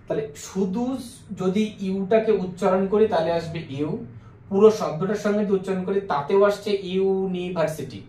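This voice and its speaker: A man teaching an English grammar lesson who keeps asking the class questions and then answers them himself, slowing down to spell out and repeat words. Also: high voice, mellow, echoey room.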